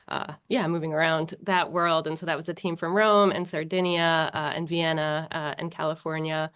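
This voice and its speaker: A woman with an American accent and a lowish, smooth voice, recorded with lo-fi sound. She's a US guest researcher explaining her work casually over a video call. Her manner is relaxed, with lots of fillers and restarts.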